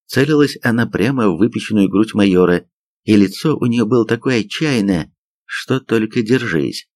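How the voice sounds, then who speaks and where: A man narrating an audiobook in an expressive reading manner. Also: fairly low pitch, moderate pace, no room sound. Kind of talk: scripted narration.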